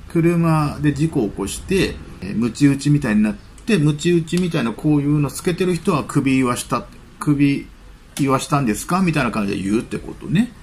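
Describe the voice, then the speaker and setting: A man with a somewhat high, husky voice full of gravelly fry reads out gossip headlines and then drifts into casual asides. His pitch swings widely as he comments, like a host chatting to his viewers. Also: darkish tone. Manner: reads news items aloud, then muses with chatty asides. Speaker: channel host. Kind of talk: casual commentary on celebrity news.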